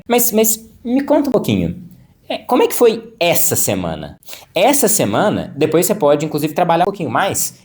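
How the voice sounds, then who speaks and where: Fast, lively man teaching to camera. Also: mid-range voice. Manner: rapid and animated, with frequent tag questions. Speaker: psychologist teaching clinical practice. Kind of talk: video lesson to camera. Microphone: camera mic, speaking to camera.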